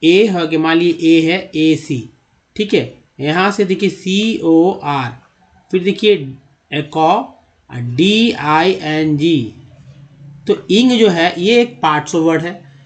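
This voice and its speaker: A man with a fairly high voice teaching how to read English words. He goes step by step, repeating each word and asking questions before answering them. His tone is that of a patient spoken lesson. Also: slow.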